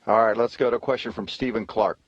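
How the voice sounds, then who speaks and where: A man's voice: on the low side, steady tone, fast talker, slightly rough, no echo. An American man moderating a press conference with brief, procedural introductions of questioners. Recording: narrow phone-like link, dry.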